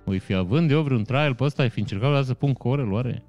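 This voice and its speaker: A man's voice: mid-range voice, lo-fi sound, soft background music. A man hosting a casual live stream, greeting viewers by name and answering chat comments with frequent laughs. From Romania.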